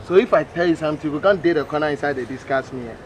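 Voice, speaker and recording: A man's voice: fairly high pitch, rapid-fire, slight background noise, lightly acted, rough recording. An actor with a Ghanaian accent playing a playful young man who spreads neighborhood gossip to his friends. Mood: gossipy. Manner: gossipy, animated. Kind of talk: TV drama acting.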